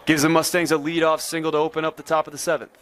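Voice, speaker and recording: A man's voice: on the high side, little pitch movement, very fast, fairly bright tone, clean tone. A man giving live play-by-play baseball commentary as a sports announcer.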